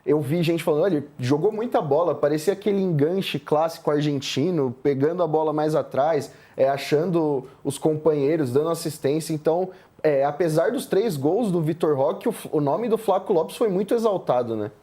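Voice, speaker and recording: A Brazilian man talks through football analysis at a measured pace, often tagging his sentences with "né". His voice is a little high yet mellow and dark in colour. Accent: Brazilian Portuguese. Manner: measured, uses filler "né". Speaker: sports commentator. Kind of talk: studio sports debate.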